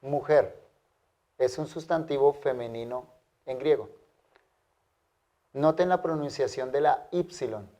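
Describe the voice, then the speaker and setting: A male teacher leads a measured language lesson, sounding out each word deliberately and repeating it for clarity. His delivery is unhurried, with a dark, mellow tone. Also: mid-range voice. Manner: careful, drawn-out pronunciation drills. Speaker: Greek teacher.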